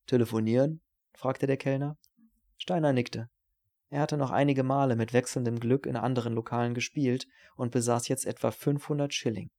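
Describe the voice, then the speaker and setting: A man reading a novel aloud as an audiobook narrator, in a measured, even storytelling voice. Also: medium pitch.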